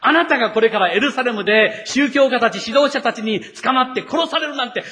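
Indignant male disciple scolding his master, high and sharp, rapid and emphatic, as a preacher puts him on.

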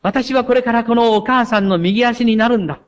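A pastor giving a sermon, reading a story aloud in an earnest, measured way. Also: male voice, extremely high pitch.

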